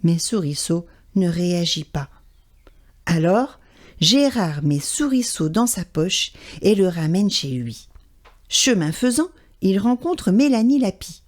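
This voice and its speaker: Expressive woman reading a children's story. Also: lowish voice, slow.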